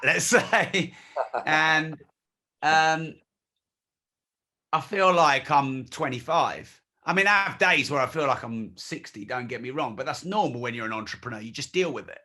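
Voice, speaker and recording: A man's voice: fairly high pitch, animated, unhurried, bright, forceful tone. A man in his forties, a guest in an interview, talking bluntly and emphatically and swearing freely. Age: 40s. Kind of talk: candid conversational interview.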